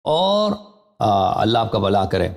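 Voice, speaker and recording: A man hosts a live call-in debate and argues hard, cutting in again and again. His voice keeps rising and falling over a wide pitch range. He sounds combative and interrupting from line to line. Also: big pitch swings, gravelly. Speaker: host of a live call-in religious debate show. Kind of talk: heated religious debate.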